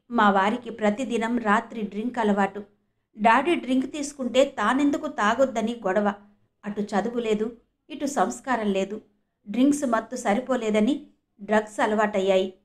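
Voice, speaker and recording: A woman's voice: a little high, moderate pace, lightly acted. Woman reading a grieving, subdued stepmother. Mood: sorrowful. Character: sorrowful middle-aged stepmother.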